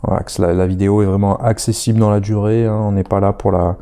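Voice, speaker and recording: Fast-talking and flat, with a warm, lowish voice, this man narrates a screen-recorded walkthrough of an online course. He has a head cold and stays chatty yet hesitant, dropping many fillers as he goes step by step.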